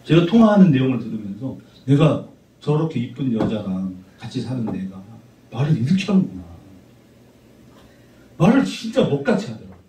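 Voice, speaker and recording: A middle-aged man preaching a sermon as pastor, conversational and animated, teasing his congregation. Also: mid-range voice, normal speed, slight background noise. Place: church sanctuary. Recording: roomy church sound from a distant mic.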